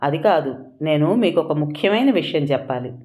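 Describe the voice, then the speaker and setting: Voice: mid-range voice, animated, normal speed, darkish tone, close to an everyday voice. A narrator voicing a tearful, anxious young bride who pleads and confesses, in a storybook reading. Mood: pleading.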